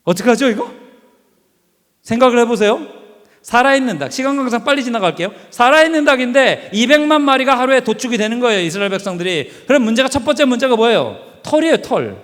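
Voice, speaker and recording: Male preacher with a high voice, a funny sermon full of audience questions, long hall reverb. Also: fast talker. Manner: animated, asks the audience questions and acts out scenes. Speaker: guest preacher. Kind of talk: lively humorous sermon. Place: church sanctuary.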